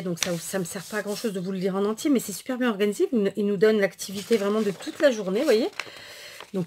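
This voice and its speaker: A woman's voice: lowish voice, darkish tone. A woman in her thirties chatting casually to camera in a rambling way, with lots of asides and fillers. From France. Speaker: vlogger.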